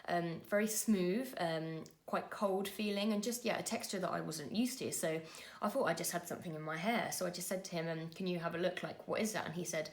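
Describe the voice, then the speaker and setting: A vlogger in her 20s tells a personal story to the camera, speaking earnestly and conversationally with lots of pauses and fillers. Her voice is fairly low.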